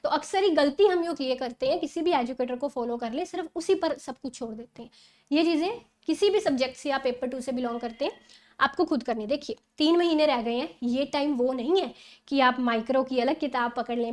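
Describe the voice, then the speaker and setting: A woman with a high voice talks students through exam preparation in a relaxed, conversational teaching style. She keeps checking in with short questions to make sure they are following. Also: a little fast. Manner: coaching, repeats "theek hai?" checks. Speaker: exam prep educator.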